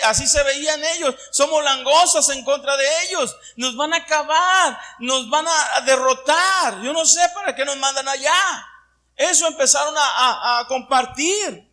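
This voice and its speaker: A man's voice: very high-pitched, sharp tone. A middle-aged man from Puerto Vallarta with a Puerto Vallarta Mexican Spanish accent, preaching a Sunday sermon and putting questions to his congregation. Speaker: pastor.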